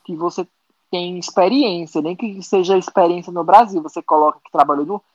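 A man's voice: sits high, a little fast, a little mellow, no room sound, dull audio. A young man from Petrolina, telling campy, gossipy stories as a podcast guest over a remote call. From Petrolina, Brazil. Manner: campy, gossipy, slang-heavy storytelling. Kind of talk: casual chat. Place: home in Australia, calling in remotely.

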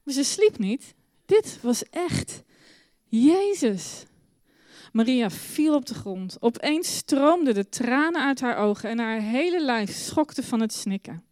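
A woman telling a Bible story to children in church, with a lively, expressive storytelling manner. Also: on the high side, measured pace, few pauses, smooth, dry recording.

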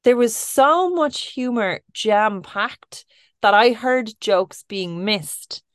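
A woman's voice: a little high, expressive, takes it slowly, clean tone, dry recording, clean studio sound. A woman hosting a podcast, chatting enthusiastically with a guest. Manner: enthusiastic, gushing. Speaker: podcast host. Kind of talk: casual interview chat.

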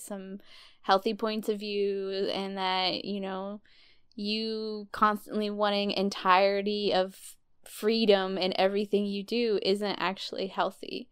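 A woman's voice: medium pitch, clean tone. A woman co-hosting a podcast, chatting casually in a rambling way. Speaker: podcast co-host. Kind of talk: casual chat.

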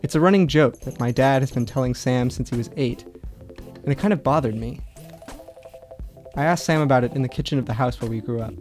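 A man's voice: medium pitch, brisk, a little mellow, faint music behind. Young man narrating his own feature. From Los Angeles, United States. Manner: conversational, curious reporting. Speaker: student reporter. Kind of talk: first-person narrated feature.

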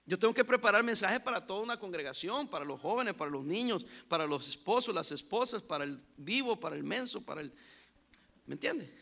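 A man preaching a sermon as pastor, telling stories with acted-out dialogue and loud emphatic bursts. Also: sits high, expressive, brisk, gravelly.

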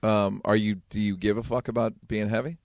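A man's voice: fairly low pitch, little pitch movement, darkish tone, no echo, studio quality. Joking, teasing man in his forties. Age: 40s. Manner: joking, teasing, swears, does quick impressions. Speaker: podcast co-host. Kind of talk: casual chat.

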